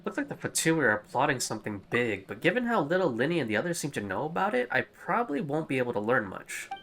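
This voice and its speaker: A man's voice: medium pitch, big pitch swings, fast talker, slight background noise. A man doing casual playthrough commentary as a gaming streamer, with murmured asides and reactions. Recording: loud game music behind. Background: video game music.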